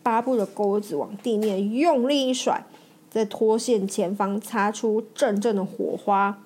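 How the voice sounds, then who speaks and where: A woman reading a children's storybook aloud with an expressive, animated delivery. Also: mid-range voice, a little slow.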